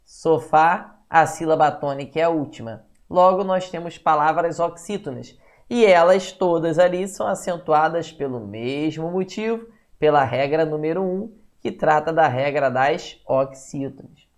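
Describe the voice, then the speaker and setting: A man with a Brazilian Portuguese accent teaches a live online grammar lesson for exam prep, speaking unhurriedly in a fairly high voice. He's chatty, keeps checking in with "beleza?" and greets his viewers by name.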